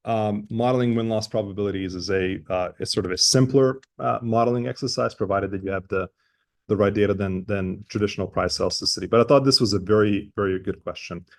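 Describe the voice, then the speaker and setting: A man with an Eastern European accent explains material as a webinar presenter. His voice sits fairly low and is heavily creaky. He talks informally and hesitantly, often tagging points with a checking "right?". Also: fairly even intonation, fast.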